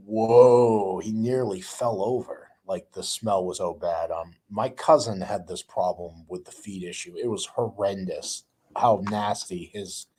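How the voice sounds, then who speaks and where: Man, casual live chat host, low voice, slow unhurried delivery, rambling with groans and fillers. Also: a little mellow, breathy edge.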